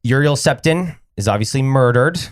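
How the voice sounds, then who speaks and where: A man co-hosting a casual podcast chat about a video game, animated, laughing often and jumping in over the others. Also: mid-range voice, moderate pace, no echo, studio quality. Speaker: podcast co-host.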